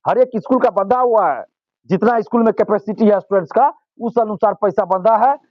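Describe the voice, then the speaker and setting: Emphatic high-voiced man. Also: brisk, dry recording, lo-fi sound. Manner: emphatic, repeats phrases for force. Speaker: student leader. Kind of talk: impassioned interview answers.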